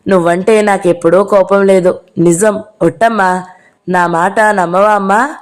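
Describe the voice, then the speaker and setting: A woman reading the lines of a gentle young woman who speaks softly and tenderly as she coaxes her mother, in a storybook reading. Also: medium pitch, fairly even intonation, unhurried, close to an everyday voice. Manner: soft, coaxing and tender.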